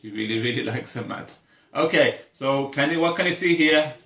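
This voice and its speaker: The recording, made in an echoey room with slight background noise, captures a teacher whose mid-range voice is a bit bright and moves at normal speed. She patiently walks a young child through counting with simple questions she keeps repeating.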